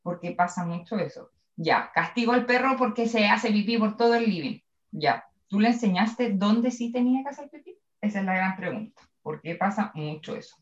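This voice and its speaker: A woman's voice: mid-range voice, lively intonation, normal speed. A woman with a Chilean accent, explaining dog training in a podcast chat and acting out examples of owners scolding their dogs. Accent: Chilean Spanish. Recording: echoey room, dull sound.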